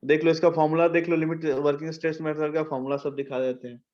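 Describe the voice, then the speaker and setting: A man's voice: a little high, little pitch movement, quick pace, darkish tone, highs cut off. A man teaching an engineering class, asking questions and answering them himself. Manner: asks and answers his own questions, mixing in English terms. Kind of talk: engineering lecture.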